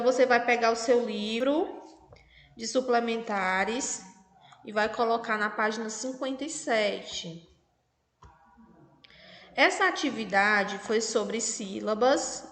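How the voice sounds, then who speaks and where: Brazilian teacher lady, slow and patient with the kids, bit high voice, echoey room. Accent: Brazilian Portuguese. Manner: patient, spells out syllables, asks checking questions. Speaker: primary school teacher. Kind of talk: slow remote lesson for children. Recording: echoey room with long reverb.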